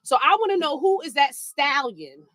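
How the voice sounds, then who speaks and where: Sassy woman host telling a story mid-workout on a treadmill, lively pitch, a bit high, dry close sound. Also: normal speed, no room sound. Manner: sassy, animated, talks to listeners as girl and baby. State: walking on a treadmill. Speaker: podcast host. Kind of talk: casual storytelling while walking. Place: home treadmill, indoors.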